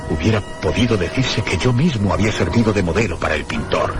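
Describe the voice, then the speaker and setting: A low-pitched male actor with a Castilian Spanish accent voices the troubled traveller who narrates and stars in an eerie radio drama, speaking in a measured, literary way. Here he sounds disturbed and awed. Music plays prominently behind him.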